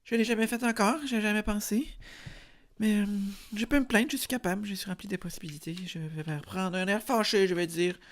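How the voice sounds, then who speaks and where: Young quebec guy hosting a podcast, deadpan fake interview, rambles, lots of um and uh. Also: sits high, brisk. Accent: Quebec French. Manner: deadpan, rambling, full of hesitations. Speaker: podcast host. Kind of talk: mock interview monologue.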